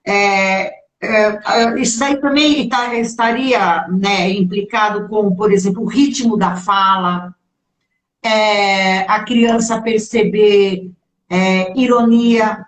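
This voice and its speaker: Hosting an interview for her channel over a video call, a woman speaks slowly in a steady, mid-range voice. She sounds hesitant, using fillers and tag questions. The room echoes noticeably.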